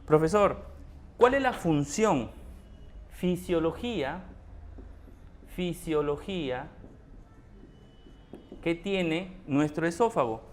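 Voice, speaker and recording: A man's voice: a little high, expressive, slow, long pauses, a little hiss or hum. A man voicing a curious young student who keeps asking the teacher questions. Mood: eager. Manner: eager, questioning.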